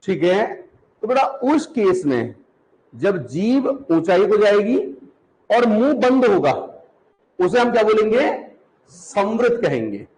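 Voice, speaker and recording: A male teacher with a high, lively voice that rises and falls a lot. He speaks slowly and repeats each term so students can take notes. He asks the class questions and then answers them himself. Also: low-quality recording. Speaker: Hindi teacher. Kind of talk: classroom lecture.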